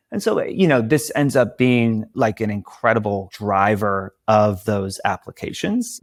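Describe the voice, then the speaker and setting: A man's voice: lowish voice, no echo, clean studio sound. A man from Georgia, a company founder talking as a podcast guest, telling stories animatedly and acting out quotes. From Georgia, USA. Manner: animated storyteller who acts out quotes. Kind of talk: casual interview talk.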